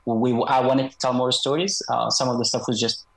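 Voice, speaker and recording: A man's voice: medium pitch, level tone, creaky, a bit bright, rough recording. Man with an electronically altered voice. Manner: measured, hesitant, frequent "uh" fillers. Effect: voice electronically altered to disguise identity. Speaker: guest author, former special operations soldier. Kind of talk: interview over a video call.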